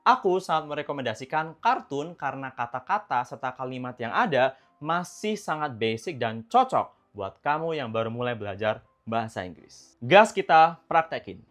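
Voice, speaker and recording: A woman's voice: a bass voice, animated, moderate pace, soft background music. A young woman giving casual, chatty, encouraging English-learning tips in a vlog. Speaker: English tutor vlogger.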